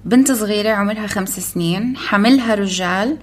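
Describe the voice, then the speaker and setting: Female co-host and mother: quick, mid-range voice, practical anecdotal delivery. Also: medium pitch, a little hiss or hum. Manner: brisk, practical, tells anecdotes from family life. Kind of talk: casual parenting chat.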